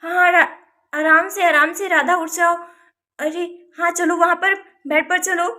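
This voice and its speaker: A woman doing a brisk helpful village neighbor. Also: very high voice, little pitch movement, pushed and bright, full character voice. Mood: caring. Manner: urgent, brisk, calling out.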